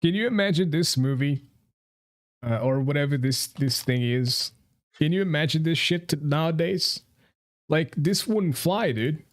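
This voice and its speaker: A man's voice: fairly high pitch, a little slow. A man co-hosting a casual live podcast, ranting crudely with a lot of swearing. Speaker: podcast co-host.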